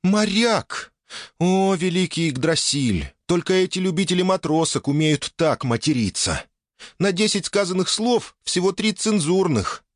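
Flustered young elf shopkeeper, voiced by a man, much higher than his own voice, full of exclamations. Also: animated, a little slow, dry recording, studio quality. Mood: exasperated.

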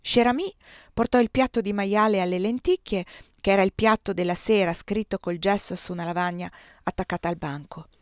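Soft-spoken woman reading a novel. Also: mid-range voice, fairly quick, dry recording, clean studio sound. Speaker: reader. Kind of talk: literary audiobook reading.

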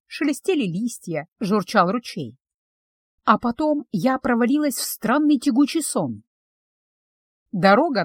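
A woman narrating a first-person fantasy audiobook in an expressive, lively storytelling manner. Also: mid-range voice, no room sound, clean studio sound.

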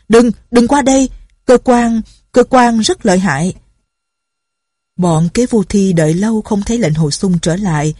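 Woman reading a martial arts novel, low husky voice, dry close sound. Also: mellow, no room sound. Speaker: audiobook narrator.

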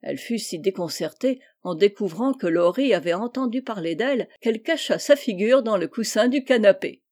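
A woman reading a classic novel aloud as an audiobook, with even storytelling delivery. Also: mid-range voice, normal speed. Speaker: audiobook reader.

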